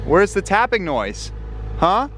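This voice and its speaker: Young guy vlogging at arm's length in a parking lot, kinda high voice, gets hyped then nervous, noisy outdoors. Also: slow pace. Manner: excitable, talks straight to viewers, swings between worry and delight. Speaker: car flipping vlogger. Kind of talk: casual vlog commentary to camera. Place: outdoor parking lot and inside a small sports car. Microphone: handheld camera at arm's length.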